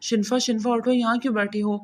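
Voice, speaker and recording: A woman's voice: a little high, flat delivery, natural voice. A woman reading as a worried, caring husband. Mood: concerned.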